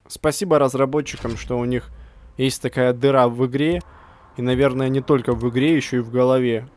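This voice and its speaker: A man's voice: medium pitch, steady tone, a little fast, a little mellow. A man giving casual, slangy gameplay commentary with self-deprecating grumbling. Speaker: gaming video host.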